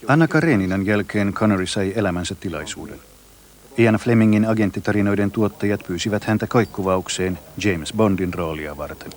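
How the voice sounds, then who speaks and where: Fast deep-voiced documentary narrator. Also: male voice. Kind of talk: scripted narration. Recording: voice-over with faint music.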